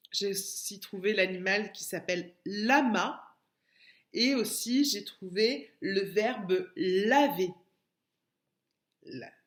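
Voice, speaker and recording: A French woman teaching young children in a recorded lesson, speaking gently and stretching out syllables. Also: mid-range voice. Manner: slow, gentle, drawn-out syllables for small children. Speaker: preschool teacher. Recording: echoey room.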